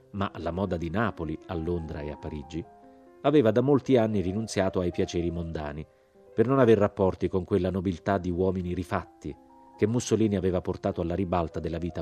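A man reading a literary novel aloud as an audiobook, in a measured, steady way. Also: sits low. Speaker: audiobook narrator. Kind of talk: scripted literary narration.

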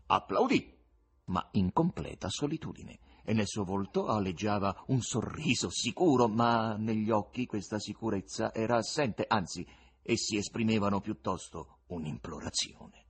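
A man reading a novel aloud as narrator, in an expressive, dramatic audiobook style. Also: fairly low pitch, normal speed, breathy edge.

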